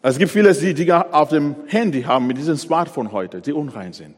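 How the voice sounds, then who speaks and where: A man preaching a sermon, pressing hard on key words, then dropping to a quiet voice. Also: a little high, expressive, fairly quick, long reverb tail. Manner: emphatic, swings between loud stresses and quiet drops.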